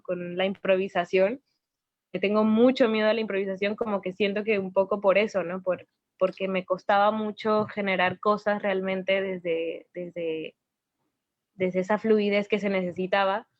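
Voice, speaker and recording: A woman's voice: mid-range voice, steady tone, normal speed, dry recording, muffled recording. A woman with a Venezuelan accent, speaking thoughtfully with some hesitant restarts in an interview. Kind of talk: casual video-call interview.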